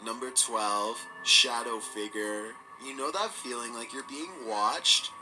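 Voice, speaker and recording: A man giving scripted narration for a countdown video, in a steady, measured storytelling delivery. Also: medium pitch, music in the background, poor audio.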